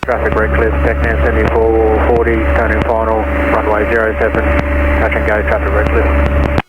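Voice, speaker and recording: A man's voice: fairly low pitch, monotone, normal speed, highs cut off. A man making clipped, formulaic pilot calls, heard over an aircraft radio. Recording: loud engine noise over radio.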